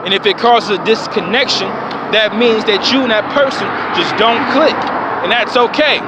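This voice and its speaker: A man's voice: sits high, moderate pace. A man giving a blunt, emphatic vlog rant, repeating his points. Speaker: vlogger. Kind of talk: ranting vlog monologue. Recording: noisy outdoor street with traffic.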